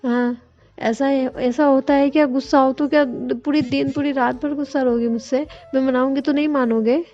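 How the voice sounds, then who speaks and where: A woman's voice: high-pitched, steady tone, moderate pace, a little mellow, highs cut off, voice pushed up, lightly acted. A woman voicing a young woman who pleads and coaxes as an apologetic, affectionate girlfriend. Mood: coaxing. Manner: pleading, coaxing.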